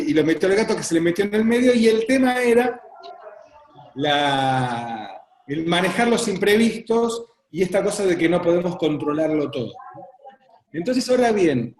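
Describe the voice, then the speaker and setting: A man's voice: fairly high pitch, a little mellow. A man with a Rioplatense Spanish accent facilitating an interactive online workshop in an effusive, appreciative way. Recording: roomy echo on online call.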